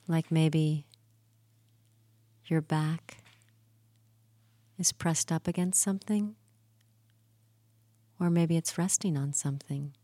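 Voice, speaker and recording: A woman with a low, mellow voice guides a relaxation session at an unhurried pace. She speaks soothingly, repeats herself gently and sometimes drops into a soft whisper. The recording is dry and close. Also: steady tone, no room sound. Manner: slow, soothing, gently repetitive. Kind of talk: guided hypnosis meditation.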